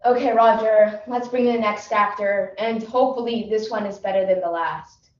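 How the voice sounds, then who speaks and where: A woman's voice: mid-range voice, steady tone, moderate pace, highs cut off, lightly acted. A young woman performing a prim, impatient casting director who gives clipped, dry instructions, heard in an echoey room from a distant mic. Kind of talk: competitive humorous interpretation.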